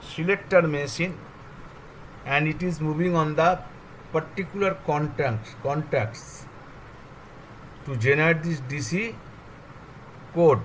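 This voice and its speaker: An older man with an Indian English accent gives a technical explanation at a very slow, unhurried pace. His voice sits a little high for a man, and he works haltingly through lists, one item at a time. A faint hum of noise runs underneath. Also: poor audio. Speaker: railway electrical engineer.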